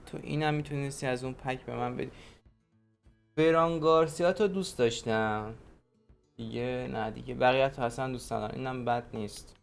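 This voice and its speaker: A young man giving casual, excitable commentary while opening card packs, talking to the players on the cards and to his viewers. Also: medium pitch, vocal fry, faint music behind. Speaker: gaming video creator. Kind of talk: pack-opening gameplay commentary.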